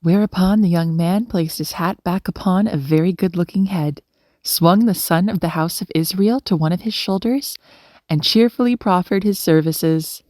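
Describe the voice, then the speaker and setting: A woman narrating a classic story as an audiobook, reading gently and giving the characters their own voices. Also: lowish voice, moderate pace, no room sound, studio quality.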